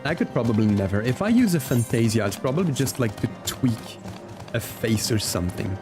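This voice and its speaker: A game streamer chats casually while livestreaming a video game, reacting aloud to the game and his viewers in an easygoing way. His mid-range voice is expressive and brisk, and game music plays behind it.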